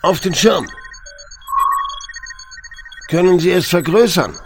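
Guy acting calm authoritative sci-fi captain, creaky voice, faint music behind. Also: high voice, full character voice. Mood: concerned, commanding. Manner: measured, authoritative. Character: wary, composed starship captain. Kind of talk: science fiction audio drama.

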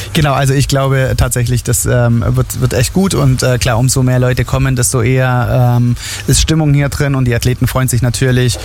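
A man speaks as an event organizer in a casual interview. He sounds upbeat and promotional and explains things in detail, with his pitch in an ordinary middle range. The low-quality recording carries a faint hum of fans from the big hall around him. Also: darkish tone. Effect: low-quality recording with fan hum from the hall. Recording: noisy, live in a large hall.

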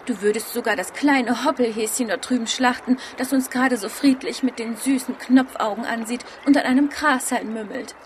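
A fairly high-voiced, sharp-tongued warrior woman as acted by a woman in a fantasy audio drama. She is sardonic and teasing, with faint ambient noise behind her. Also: moderate pace, hardly any pauses, lightly acted.

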